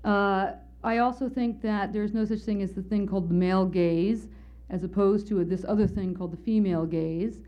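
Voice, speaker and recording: A woman's voice: mid-range voice, fairly even intonation, normal speed. A woman speaker at a conference telling a candid, wry personal story as part of her lecture. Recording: slightly muffled lo-fi lecture recording.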